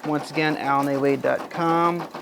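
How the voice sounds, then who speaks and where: A man's voice: fairly high pitch, fairly even intonation, moderate pace, creaky. A man hosting a casual embroidery how-to, chatting to viewers as he works and often calling them guys. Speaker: embroidery channel host. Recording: sewing machine noise in background. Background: running embroidery machine.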